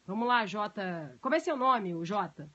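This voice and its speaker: A woman's voice: medium pitch, lively intonation, unhurried, bright, forceful tone, muffled recording. A woman teaching a class on a live stream, explaining at length and chatting with viewers between points, with many fillers. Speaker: teacher of budget law. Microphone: phone.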